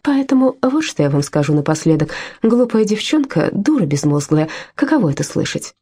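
A calm young servant girl who has finally stood up for herself, read by a woman narrator. Her voice is low and soft, with a slight huskiness, and she speaks steadily and coldly, as in an audiobook. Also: fairly quick, slightly rough, heavily acted. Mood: scornful. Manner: steady, cutting.

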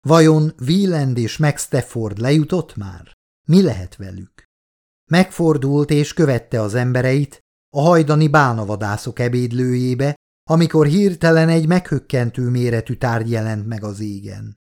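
A man reading a novel aloud as an audiobook narrator, in a steady, measured way. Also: mid-range voice. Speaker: audiobook reader. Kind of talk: scripted narration.

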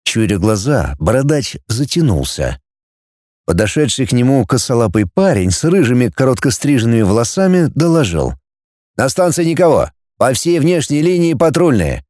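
Lively male audiobook narrator. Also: no echo, studio quality. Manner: voices each character with pitch lifts. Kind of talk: scripted narration.

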